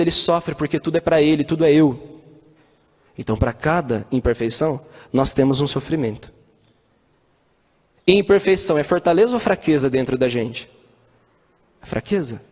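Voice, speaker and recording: A man's voice: fairly high pitch, a little mellow. A man giving a spiritist lecture, telling anecdotes and asking the audience questions. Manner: storytelling with anecdotes and quoted dialogue. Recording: long hall reverb.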